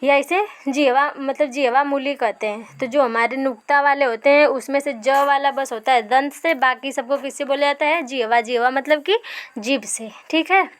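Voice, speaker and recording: A woman's voice: high-pitched, moderate pace. A woman teacher giving an exam revision lesson. She asks her own questions, answers them, and keeps checking in with "ठीक है".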